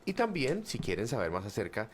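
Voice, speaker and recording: Deep-voiced male broadcast host. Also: huge pitch swings, a little fast, a little hiss or hum. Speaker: radio and TV host. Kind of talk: broadcast interview.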